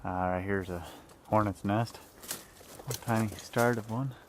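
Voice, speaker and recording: A man vlogging while hiking outdoors, talking in a halting way with many pauses into a handheld camera microphone. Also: fairly low pitch, fairly even intonation. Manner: halting, many uhs, soft-spoken. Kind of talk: casual hiking narration. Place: outdoors on a windy mountain ridge. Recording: loud wind noise on camera mic.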